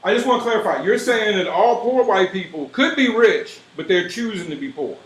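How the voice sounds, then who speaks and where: Male radio host, higher voice, roomy sound, provocative and needling. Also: animated, brisk. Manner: sarcastic, needling, keeps pushing back. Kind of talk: provocative interview banter. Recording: roomy studio echo.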